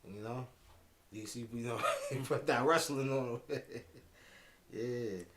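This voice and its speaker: A man hosting a podcast in casual chat, slangy and quick to laugh, saying "yeah" over and over. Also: medium pitch, reverberant, very noisy. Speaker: podcast host.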